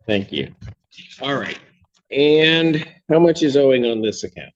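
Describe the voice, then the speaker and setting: A male judge running a courtroom hearing, brisk and directive as he moves through cases. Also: medium pitch, expressive, muffled recording, a little hiss or hum.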